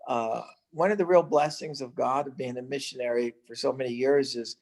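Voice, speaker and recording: A middle-aged man, a missionary and evangelist, telling a personal story in casual chat, halting with restarts and fillers. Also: mid-range voice, fairly even intonation, a little mellow.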